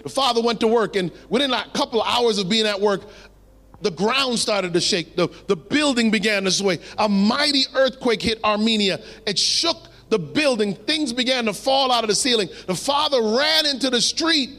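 High-voiced preacher in a reverberant hall. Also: male voice, expressive, sharp tone. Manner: dramatic pauses, drops low on key words. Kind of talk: sermon.

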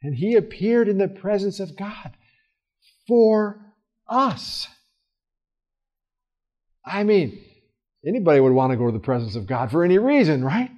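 Earnest, higher-voiced male Bible teacher. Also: big pitch swings, measured pace, pauses often, dull audio. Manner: earnest, swings between loud emphasis and soft, quiet asides; casual, with many fillers and restarts. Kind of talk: conversational Bible study talk.

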